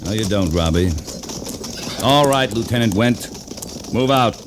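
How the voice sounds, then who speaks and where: An actor playing a steady, commanding cavalry captain in a 1950s radio drama, heard with old broadcast sound. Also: male voice, fairly low pitch, unhurried, background noise. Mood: calm. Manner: firm military commands, then quiet and grave. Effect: old radio show broadcast sound.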